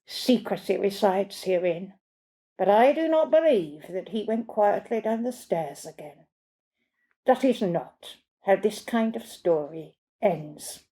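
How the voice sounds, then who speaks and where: Woman reading as a formal, measured butler. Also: mid-range voice, lively intonation, mellow. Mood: reassuring. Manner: precise, formal diction. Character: courteous older male butler, measured and formal.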